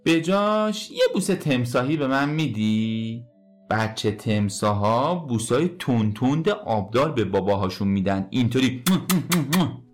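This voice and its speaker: A woman voicing a kind, patient papa bear who gently coaxes his cub in a storybook reading. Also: rumbling low, lively intonation, soft background music, voice pushed down. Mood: coaxing. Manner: gentle, coaxing, playful.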